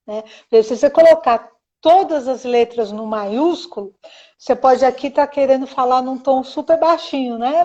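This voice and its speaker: A woman hosts a live-streamed interview in a high, unhurried voice, feeling her way through long questions. The sound is muffled, lo-fi stream audio. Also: dark tone. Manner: slow, searching questions with many fillers. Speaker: host.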